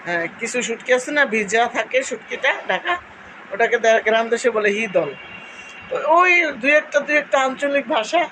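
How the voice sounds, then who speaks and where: A woman's voice: fairly high pitch, expressive, brisk, background noise. A woman with a Cumilla Bengali accent, talking casually to her followers and reminiscing at length, with many fillers. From Cumilla, Bangladesh. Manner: rambling, nostalgic storytelling with fillers. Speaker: vlogger.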